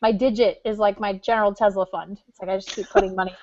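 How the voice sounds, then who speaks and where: A woman from California, co-hosting a podcast, chatting casually with lots of fillers and animated storytelling. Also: medium pitch, fast, dull audio. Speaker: podcast co-host. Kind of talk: casual after-show chat.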